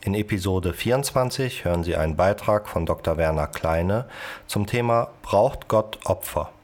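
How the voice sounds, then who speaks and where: Deep-voiced man reading a podcast intro. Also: normal speed. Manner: even, formal announcing. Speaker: podcast announcer.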